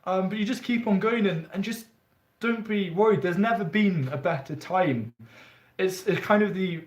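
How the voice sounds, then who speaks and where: A man's voice: high-pitched, moderate pace, echoey room. A young man hosting a casual live-stream chat, chatty and rambling with lots of enthusiasm. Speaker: host.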